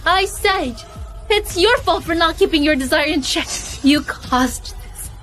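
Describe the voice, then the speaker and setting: A woman's voice: extremely high pitch, expressive, a little slow, over music. A woman voicing a bitter, taunting young mistress in a dubbed drama.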